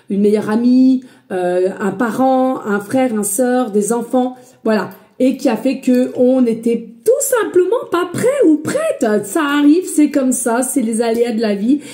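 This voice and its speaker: Woman psychic vlogger, slight accent, loud and mellow, chatty with lots of fillers. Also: on the high side. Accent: a slight accent she mentions. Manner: loud voice, by her own account; chatty, hesitant, addresses viewers as friends. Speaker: psychic medium giving a reading. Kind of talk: casual spiritual guidance vlog.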